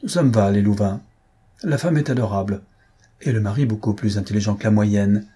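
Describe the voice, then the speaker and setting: A man playing a sardonic young gentleman. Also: fairly low pitch, fairly quick, breathy edge. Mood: curt. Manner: sardonic, dry. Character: mocking, sharp-witted young gentleman.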